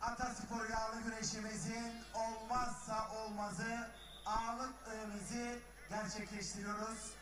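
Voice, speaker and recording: A man making rapid, sing-song formal announcements as the arena announcer, heard over a PA loudspeaker at an outdoor wrestling ground. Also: high-pitched, level tone, distant mic, background noise. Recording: echoey loudspeaker heard from afar.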